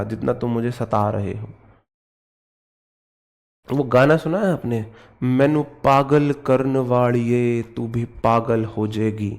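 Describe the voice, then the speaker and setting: A young man with a North Indian Hindi accent teaches an online grammar class. His voice sits a little high and he speaks slowly and unhurriedly, drawing out example words. He teases and mock-scolds his students as he goes. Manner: teasing, jokey, scolds students playfully, drills words slowly.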